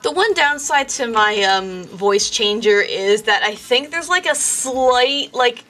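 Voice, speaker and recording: A woman's voice: a little high, animated, slow pace, sharp tone, faint music behind. A woman streamer chatting casually through a voice changer, giggly and joking, with lots of filler words. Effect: voice changer with a slight delay.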